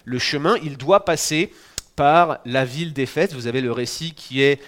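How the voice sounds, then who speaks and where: French preacher giving a conversational sermon. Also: male voice, mid-range voice, moderate pace, a bit bright. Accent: French (France). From France. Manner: conversational, teaching with humor and asides. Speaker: pastor. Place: church in Quebec.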